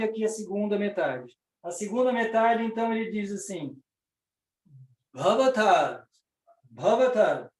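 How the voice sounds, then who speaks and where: A man with a Brazilian Portuguese accent teaching a Sanskrit class, explaining step by step and often checking in with the listeners. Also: high-pitched. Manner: patient, explains step by step with frequent "né?". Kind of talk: explanatory lecture. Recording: roomy, distant mic.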